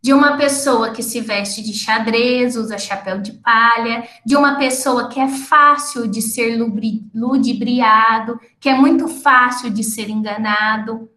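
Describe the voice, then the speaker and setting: A lecturer and researcher, an adult with completed schooling who isn't from the event's city, gives an academic lecture to teachers, explaining step by step and often checking in with tag questions. Her fairly high, sharp-toned voice is unhurried with fairly even intonation and few pauses. The sound is reverberant.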